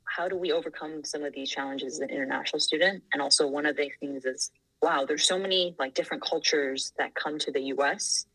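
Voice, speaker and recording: A woman's voice: low-pitched, a little fast, fairly bright tone, no echo, low-quality recording. A woman in her thirties from Thailand, a podcast guest talking earnestly and laughing easily. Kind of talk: casual interview.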